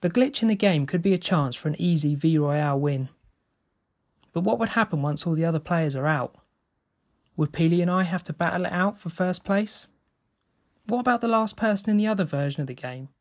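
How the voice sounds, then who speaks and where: A man narrating a first-person story in a steady, measured reading. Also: a little high.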